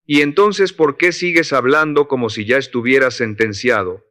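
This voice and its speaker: A quiet man in his sixties who has worked construction for decades, as read by a male narrator. He gives advice in a calm, measured, instructive way, at a mid pitch. This is a spoken story. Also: close to an everyday voice. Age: 60s. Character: older Salvadoran construction worker, man of few words.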